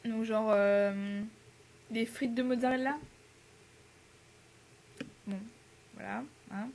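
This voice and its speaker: A woman's voice: a little high, fairly even intonation, slow pace, a little mellow. A teenage girl from France, an exchange student, chatting casually to the camera with lots of fillers, laughs and English words mixed in. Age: teens.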